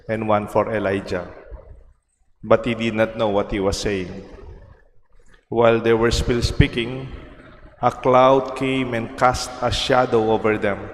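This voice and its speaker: A man speaking as a priest at a church service, solemn and measured, with a cathedral-like echo. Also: fairly low pitch. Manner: deliberate, measured phrasing. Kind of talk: solemn liturgical reading and homily. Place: large echoing church. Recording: cathedral-like echo, long reverb, some noise.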